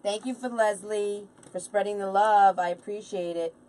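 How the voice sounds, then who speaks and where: A woman in her late forties hosts a craft livestream, chatting casually and bantering with viewers and a helper while she crafts. Her voice is medium-pitched, steady and darkish at normal speed, picked up by a distant mic in a rough recording.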